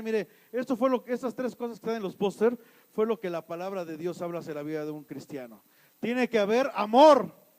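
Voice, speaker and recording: A Mexican pastor preaching a sermon in church, asking the congregation questions and answering them, shifting between loud emphatic lines and quiet asides. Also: male voice, high-pitched, low-quality recording. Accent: Mexican Spanish.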